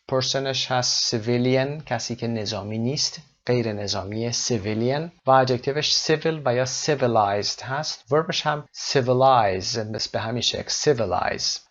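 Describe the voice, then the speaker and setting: A man explains an English lesson at an easy, steady pitch. His voice has a gravelly, creaky edge, and the recording sounds dull and lo-fi. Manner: mixes English terms into explanations, with fillers. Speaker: English teacher.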